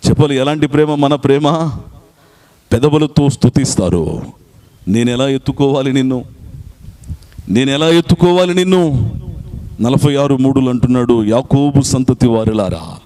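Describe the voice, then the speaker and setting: A male pastor preaching a sermon in a church at a night meeting, repeating scripture phrase by phrase and urging the congregation to answer loudly. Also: mid-range voice, moderate pace, long pauses.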